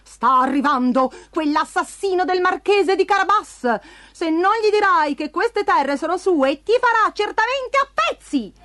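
A woman's voice: lively intonation, a little slow, fairly bright tone, no echo, exaggerated voice. Woman doing a hissing sly cat in boots. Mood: hissing warning. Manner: high, hissing, wheedling.

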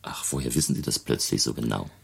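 A man's voice: extremely low pitch, fast, vocal fry, slightly rough, full character voice. An actor playing a defensive man who reported a missing woman, speaking in an indignant, evasive way with emphatic stresses in a 1970s radio drama.

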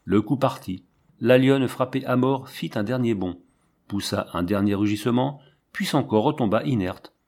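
A man narrating an audiobook in a measured, dramatic reading. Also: mid-range voice, darkish tone.

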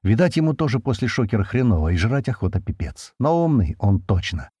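A man's voice: fairly low pitch, big pitch swings, brisk, mellow, slightly rough, dry recording. A man narrating a first-person audiobook in a colloquial, slangy way.

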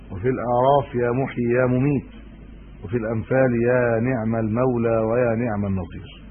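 A man teaching a religious lesson, steadily reciting long lists and adding scholarly asides with small self-corrections. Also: mid-range voice. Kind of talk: religious lecture, reading lists. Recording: tinny lo-fi phone-like recording with faint noise.

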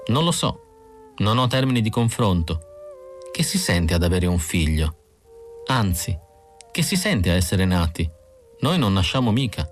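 A man's voice: low-pitched, big pitch swings, unhurried, pauses often, soft background music. A man voicing a cool, weary young female android in an audiobook, with a raised, lighter voice. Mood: weary, bitter. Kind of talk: audiobook character reading.

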